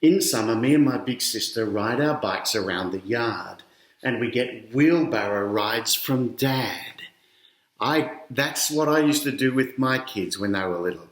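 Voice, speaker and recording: At a measured pace and in a mid-range voice, a middle-aged Australian man reads to children from a picture book, breaking off to chat with them through questions and explanations. The recording has an echoey, roomy indoor quality.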